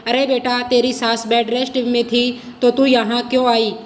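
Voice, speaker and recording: A woman's voice: a little high, little pitch movement, moderate pace, long reverb tail, a little hiss or hum, natural voice. A woman voicing a doting but complaining older mother in a storybook reading, with a fussy, grumbling manner. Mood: soothing. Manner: soothing, then grumbling.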